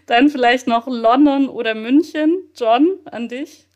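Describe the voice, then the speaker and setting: A woman's voice: high voice, measured pace, a little mellow, highs cut off. Upbeat woman hosting a podcast. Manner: upbeat, with frequent filler sounds. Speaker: podcast host. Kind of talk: interview wrap-up and quick-fire questions.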